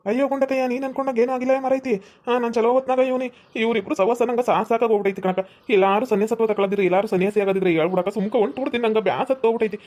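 A woman's voice: a little high, steady tone, racing, slight background noise, lightly acted. A woman voicing a ranting old village man, Lakshmanappa. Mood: fed up. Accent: North Karnataka Kannada. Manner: ranting, complaining loudly. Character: grumpy old village man, loud and angry. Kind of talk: cartoon comedy voice acting.

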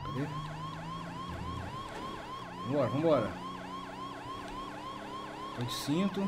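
A man with a Brazilian Portuguese accent playing a firefighter medic in a game roleplay, urgent and commanding, counting out loud as he works. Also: fairly high pitch, huge pitch swings, slow pace, noisy background. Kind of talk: game roleplay over voice chat.

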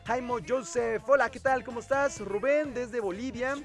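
A man's voice: very high-pitched, normal speed, faint music behind. A man with a Mexican Spanish accent, hosting a casual livestream and chatting as he reads viewer comments aloud and answers them. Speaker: livestream host.

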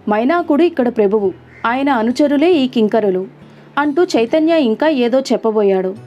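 High, mellow-voiced woman narrating a novel. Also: muffled recording. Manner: measured, expressive storytelling. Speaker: audiobook narrator. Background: faint music.

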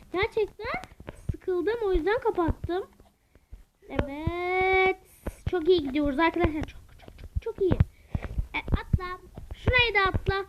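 A woman giving let's-play commentary as a gaming channel host, excitable and groaning and exclaiming whenever she fails. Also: very high voice, highs cut off, background noise.

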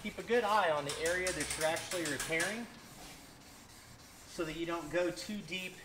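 A relaxed man in his thirties, a boat dealer and channel host, gives a casual how-to demonstration of a hands-on boat repair in an easygoing, folksy tone. His voice sits a little high for a man and moves at a moderate pace. The camera mic is set some distance off in a big showroom, with a steady hiss of noise underneath.

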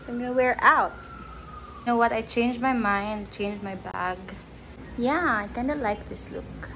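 Chatty young woman, slow and easy. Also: on the high side, slight background noise, low-quality recording. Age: 20s. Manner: chatty, laughs easily, soft-spoken asides. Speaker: vlogger. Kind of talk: casual vlog narration. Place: small apartment room, indoors. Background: background music.

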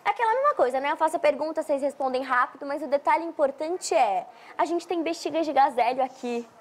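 High-voiced young woman hosting. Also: animated, fast talker. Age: young adult. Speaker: TV show host. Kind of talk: lively game show presenting. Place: large TV studio with live audience. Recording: noisy studio with audience.

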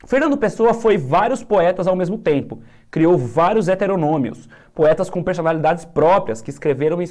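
A male teacher, going through exam questions in a casual lesson, upbeat and chatty, drawing out key words slowly. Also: fairly high pitch, darkish tone.

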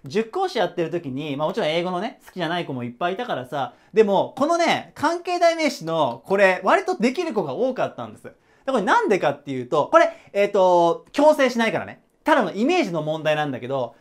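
Lively, chatty male teacher. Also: sits high, quick pace. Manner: chatty, explains with rhetorical questions. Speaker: English teacher. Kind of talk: casual whiteboard lesson.

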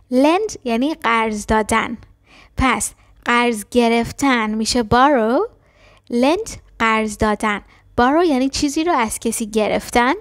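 A woman teaching a language lesson, explaining quickly and then repeating short phrases slowly and carefully. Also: fairly high pitch, no room sound, clean studio sound. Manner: switches between fast explanations and slow, careful repetitions. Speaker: English teacher.

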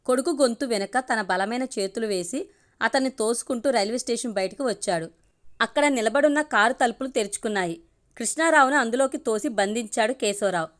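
A woman storyteller reading a story aloud in a steady, expressive narration. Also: fairly high pitch, a little fast.

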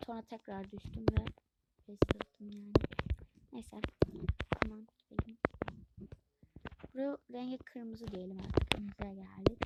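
A woman giving casual let's-play commentary, chatty and easily stressed, with frequent exclamations and soft whispered asides. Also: on the high side. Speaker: gaming channel host. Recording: loud background noise with clicks.

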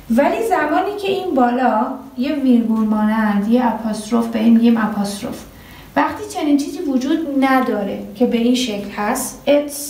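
A woman teaching English grammar at a board, quizzing students and answering herself, drawing out her example sentences slowly. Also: a little high, a little mellow, far from the mic. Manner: asks the class questions and answers them herself. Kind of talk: grammar lesson at a whiteboard. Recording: echoey room, voice from off the mic.

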